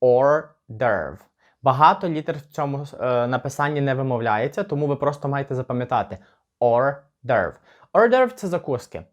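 A man's voice: mid-range voice, lively intonation, muffled recording. Chatty man teaching English pronunciation. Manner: chatty, slows down to spell out words. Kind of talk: casual pronunciation lesson.

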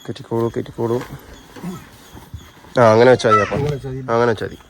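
A man's voice: fairly low pitch, fairly even intonation, very fast, fairly bright tone, slight background noise. Chatty young Kerala man vlogging. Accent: North Kerala Malayalam. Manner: chatty, addresses viewers as guys. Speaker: family vlogger. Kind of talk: casual family vlog chat.

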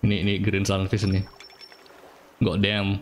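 A low-pitched man with a Balinese accent, chatting away on a live gaming stream. He talks loosely and easily, answers viewers as he plays, and laughs often. A faint hiss sits under his voice. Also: monotone, measured pace. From Bali, Indonesia. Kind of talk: casual live-stream chat.

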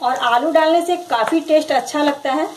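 Woman, cooking host, high voice, calm step-by-step recipe voice-over, faint hiss behind. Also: moderate pace. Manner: calm, instructive, repeats each step. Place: home kitchen, over frying sounds.

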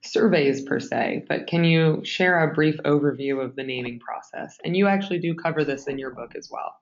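Woman moderator, low voice, reads questions, muffled lo-fi audio. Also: normal speed. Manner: reads questions, laughs easily. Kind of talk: hosting a Q&A webinar.

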